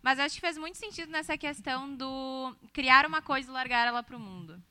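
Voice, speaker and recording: A woman's voice: high-pitched, a little fast, bright, forceful tone, smooth, no room sound. A young woman co-hosting a podcast, chatting in a playful, talkative way. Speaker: podcast co-host. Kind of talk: casual podcast chat.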